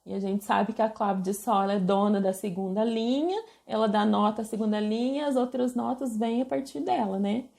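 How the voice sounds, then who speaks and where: A woman's voice: medium pitch, steady tone, normal speed, gravelly, few pauses, dark tone. A woman with a Brazilian Portuguese accent teaching music theory from a book, explaining patiently and checking in often with her listeners. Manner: explains patiently, pointing at the page with many check-ins.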